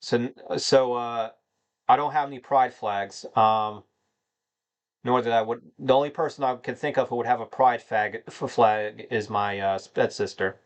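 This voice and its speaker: Answering chat on his livestream, this North Carolina man in his thirties speaks at medium pitch and a measured pace. His talk is casual and rambling, stuffed with fillers, and he addresses viewers as "man."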